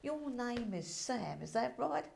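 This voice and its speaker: A woman's voice: a little high, sing-song, measured pace, creaky, a little mellow, slight background noise, heavily acted. A woman acting a bubbly, bossy Saint Peter in a comic play, theatrical, emphatic and giggly. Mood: brisk, officious.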